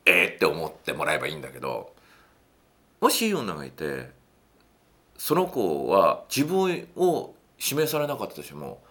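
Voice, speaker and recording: A man talking through dating advice in a casual monologue, animated and acting out little quotes, with a self-affirming "un" between points. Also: moderate pace. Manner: animated, swoops widely in pitch, acts out quotes.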